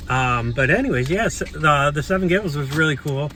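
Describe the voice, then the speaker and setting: A man's voice: a little high, expressive, a little fast, sharp tone. A man chatting casually as a travel vlogger, rambling with many fillers and restarts. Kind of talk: casual vlog chat. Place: outdoors on town streets. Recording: outdoor street noise with passing cars.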